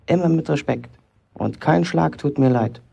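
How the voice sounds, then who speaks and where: Here the apprentice bricklayer's prosecutor-style sarcasm turns bitter and pitying, full of rhetorical questions in this German radio drama. The male voice is a little high, gravelly, dark and husky, at a moderate pace, heavily acted, with lo-fi sound.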